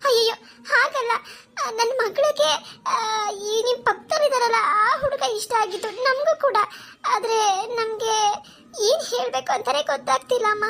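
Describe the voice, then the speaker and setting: A woman's voice: very high-pitched, animated, moderate pace, noisy background. A woman voicing a fretful, tearful middle-aged mother of the bride in a cartoon, wailing anxiously. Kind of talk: cartoon voice acting.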